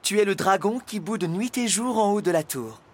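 A man's voice: sits high, animated, moderate pace, slightly rough, pitched above the performer's own voice. A man voicing an exasperated adult woman schoolteacher in a storybook reading. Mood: indignant. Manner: indignant, exasperated.

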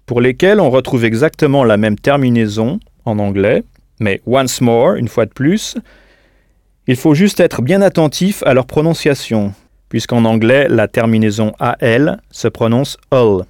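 A man's voice: medium pitch, animated, unhurried, darkish tone, no room sound, studio quality. A man teaching a scripted audio language lesson, patient and didactic, prompting the listener to answer.

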